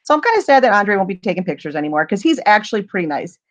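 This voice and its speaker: Lady rambling on a livestream, laughs a lot, medium pitch, just chatting. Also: sing-song, rapid-fire. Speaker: livestream host. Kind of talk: casual livestream Q&A.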